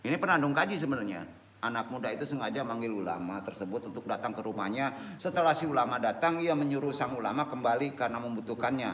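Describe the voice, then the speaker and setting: Male religious teacher, lively and bright-toned, quizzes his listeners. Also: mid-range voice, fast talker. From West Sumatra, Indonesia. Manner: animated, questioning the audience. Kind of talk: informal Islamic study talk.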